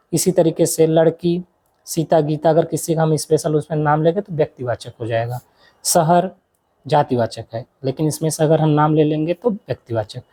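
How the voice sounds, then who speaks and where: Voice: medium pitch, warm tone. A teacher giving an exam-prep grammar lesson, asking questions aloud and answering them, running through lists of examples, with English words mixed in. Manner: mixes English words into explanations.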